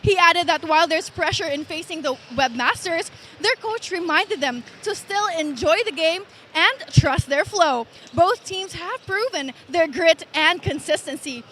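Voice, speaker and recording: A woman's voice: extremely high pitch, animated, measured pace, hardly any pauses, fairly bright tone. A woman with a Filipino accent giving a scripted sports report as a courtside reporter. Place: courtside in an indoor arena. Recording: noisy courtside ambience.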